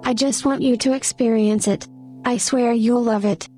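A woman's voice: on the high side, fairly even intonation, normal speed, warm tone, soft background music, lightly acted. A woman playing a breezy, teasing young woman. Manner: breezy, coaxing.

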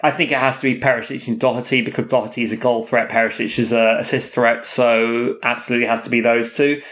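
A man's voice: medium pitch, level tone, fast, fairly bright tone. A man in his thirties co-hosting a casual chat, talking in an emphatic, opinionated way. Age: 30s. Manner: opinionated, emphatic, thinks aloud. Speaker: podcast co-host.

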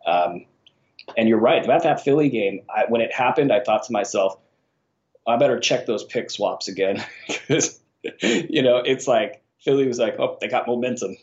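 A male guest on a sports podcast with a mid-pitched voice, talking in a relaxed way that laughs easily and stumbles over repeated words. His audio comes through a bit dull and lo-fi. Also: moderate pace. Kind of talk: casual sports chat.

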